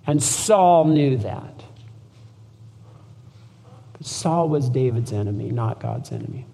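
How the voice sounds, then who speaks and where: Guy preaching a sermon, mellow fairly high voice, big echoey church hall. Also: gravelly. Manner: earnest, reads scripture aloud with emphasis. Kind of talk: expository sermon. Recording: long hall reverb.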